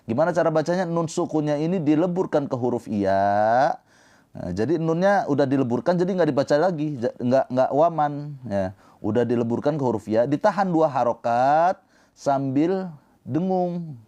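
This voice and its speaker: A man teaching Quran recitation rules in a livestream lesson, explaining slowly and then chanting verses in a drawn-out melodic voice. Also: on the high side, lively intonation, mellow.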